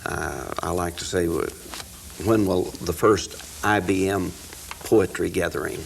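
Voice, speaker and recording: A man from the United States talks as an expert guest in an interview, telling things in a folksy, deliberate way. His voice is low and full of gravel, over faint background noise. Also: fairly even intonation. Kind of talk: informal interview talk with recited verse.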